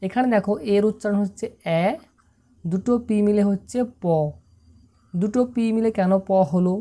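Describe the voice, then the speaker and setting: A woman's voice: mid-range voice, steady tone, moderate pace, dark tone. A woman teaching English pronunciation to students, explaining patiently and step by step, often asking if they can see.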